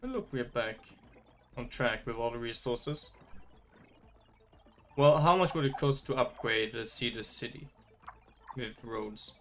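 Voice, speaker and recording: A man's voice: mid-range voice, measured pace, long pauses, a bit bright, slight background noise. A man giving casual let's play commentary, chatty and muttering to himself as he plays. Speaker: streamer. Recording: game music behind.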